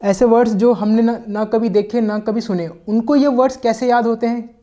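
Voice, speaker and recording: Male teacher, mellow voice, step-by-step explanations, checks in with listeners, mixes in English words. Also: very high voice, flat delivery, normal speed. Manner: mixes English words into his sentences and sometimes corrects himself mid-word. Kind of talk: explanatory classroom lesson.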